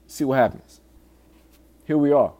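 A podcast host with a low, dark, mellow voice records a candid solo episode, speaking informally and swearing a lot. He's animated yet unhurried, earnestly pleading with listeners as he urgently warns them.

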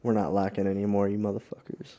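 Dark-voiced American frat bro podcaster. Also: male voice, on the low side, monotone, fast. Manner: frat-bro talk, slangy and heavily profane. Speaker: podcast host. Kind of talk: casual chat.

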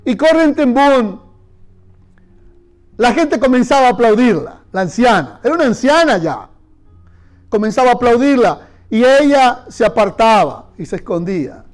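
A man's voice: very high-pitched, sing-song, normal speed, faint music behind. A male pastor preaching a sermon, telling stories and leading the congregation in call-and-response. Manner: storytelling, addressing the church directly.

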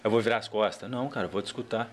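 A man's voice: lowish voice, very fast, slight background noise. A man who is a guest entrepreneur, chatting casually on a podcast and telling stories with lots of fillers. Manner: animated storytelling, frequent "cara" fillers.

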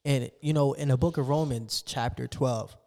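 A man in an animated faith discussion on a podcast, exhorting emphatically and repeating phrases as if preaching. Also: medium pitch, normal speed, creaky. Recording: long hall-like reverb.

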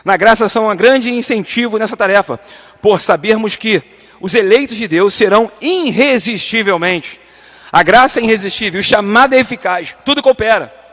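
Brazilian man, high voice, fervent Bible class teacher, church reverb. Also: normal speed, fairly bright tone. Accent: Brazilian Portuguese. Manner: fervent, addresses listeners as beloved, acts out dialogues. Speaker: Sunday school teacher.

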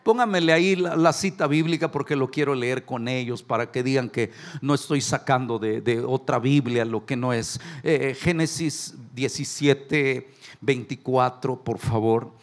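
Gravelly Mexican pastor, joking sermon. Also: male voice, mid-range voice, measured pace. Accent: Mexican Spanish. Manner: animated, joking, urges the congregation to repeat phrases. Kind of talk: sermon with jokes and call-and-response.

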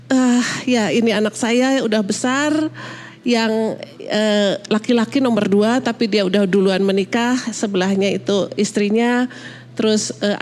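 A woman in her fifties from Indonesia, a pastor giving a personal testimony sermon, halting and emotional, with many fillers and restarts. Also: mid-range voice, darkish tone. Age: 50s.

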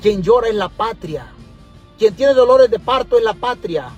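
A man's voice: sits high, animated, normal speed, slightly rough, dull audio, soft background music. A Salvadoran man ranting passionately from his car during a livestream, repeating himself for emphasis. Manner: impassioned, repetitive, preachy. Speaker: political commentator. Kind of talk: livestream rant.

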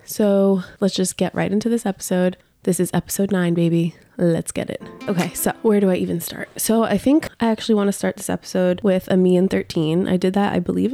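A woman in her thirties chats candidly as a podcast host, her voice congested from a cold. It has a gravelly, vocal-fry edge and a warm, mellow tone. The recording is dry and close. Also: fairly low pitch, dry recording. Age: 30s. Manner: chatty and candid, laughing now and then. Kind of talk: casual confessional chat.

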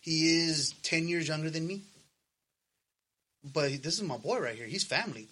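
A man in his thirties co-hosts a podcast, chatting casually and personally in an earnest, slangy way and swearing freely. His voice is fairly high with a sharp tone, at a normal speed.

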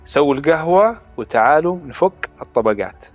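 A man hosting an interview, putting brisk questions to his guest. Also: fairly high pitch, animated, soft background music. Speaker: host.

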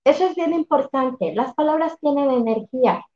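A woman's voice: high-pitched, moderate pace, darkish tone. A woman who runs workshops, speaking in a reflective, emphatic way in casual conversation. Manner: reflective, emphatic, often affirms with "exactly". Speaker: workshop facilitator and coach. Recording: roomy, dull lo-fi sound.

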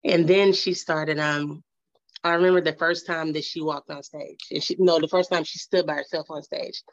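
Low-pitched woman on a video call, muffled, rambly and full of um's. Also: fairly even intonation, moderate pace, no echo. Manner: rambling, many fillers and restarts. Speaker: guest, mother. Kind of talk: casual video call chat.

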